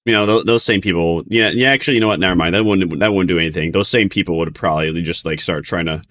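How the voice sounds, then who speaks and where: Lowish male voice, casual streamer reactions, rambling, hesitant, bemused. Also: fast talker, fairly bright tone.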